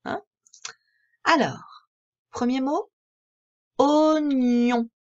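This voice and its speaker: A woman with a French accent, teaching a reading lesson to young children in a slow, clear, patient way that spells out each word. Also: medium pitch, animated, highs cut off. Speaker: primary school teacher.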